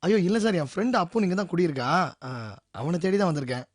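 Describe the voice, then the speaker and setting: A man's voice: high-pitched, animated, quick pace, darkish tone, dry recording. A young man acting as a cheeky, sarcastic college student who talks back to an angry father in a TV serial. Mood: defensive. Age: young adult. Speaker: college student hanging around the house. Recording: TV serial with music behind.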